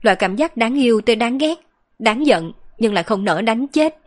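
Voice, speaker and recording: A woman voicing a lively, playful young girl in an audiobook, chattering and teasing. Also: on the high side, normal speed, voice pushed up.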